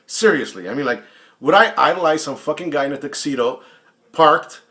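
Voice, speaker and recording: Brisk, lively in intonation, and fairly high-pitched with a pushed, bright sound, this YouTube watch channel host is in his late forties. He responds to another vlogger's questions in a blunt, casual, taunting way, swearing heavily and often repeating himself for emphasis.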